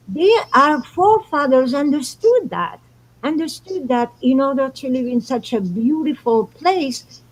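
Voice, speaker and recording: A woman's voice: high-pitched, rough recording. A woman from Morocco, hosting a casual astrology talk and explaining spiritual ideas earnestly. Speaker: show host.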